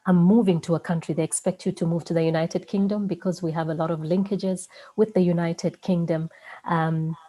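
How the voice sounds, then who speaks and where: A woman's voice: fairly low pitch, steady tone, fairly quick, mellow. A woman from Zambia, giving a thoughtful academic presentation over a video call with many restarts. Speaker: webinar presenter.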